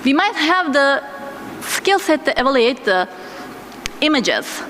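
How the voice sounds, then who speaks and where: A woman giving a conference lecture as a physician, her voice thick and strained from a sore throat, speaking hesitantly with deliberate pauses. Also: sits high, very animated, a bit bright. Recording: echoey hall with noticeable background noise.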